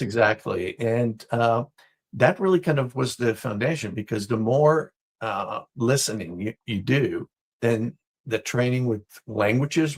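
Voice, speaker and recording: A man from Israel, a business guest answering interview questions in a thoughtful, measured way with many fillers. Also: fairly low pitch.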